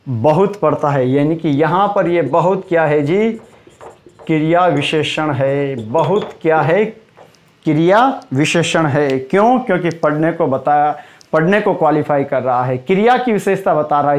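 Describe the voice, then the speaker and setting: A man teaching a Hindi grammar lesson, quizzing his students and slowly repeating the key terms for emphasis. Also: on the high side, lively intonation.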